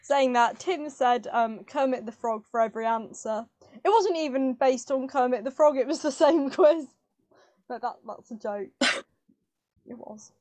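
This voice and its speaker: A woman's voice: high-pitched, a little slow, a little mellow, no echo. A woman co-hosting a podcast, joking and giggling in casual chat over a video call. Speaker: podcast co-host.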